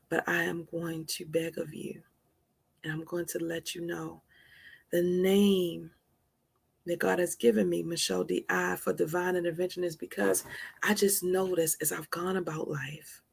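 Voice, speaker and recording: A woman's voice: lowish voice, gravelly, darkish tone, slightly rough. A woman in her forties hosting a live stream, giving a heartfelt motivational talk with earnest, repeated, preacher-like emphasis. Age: 40s.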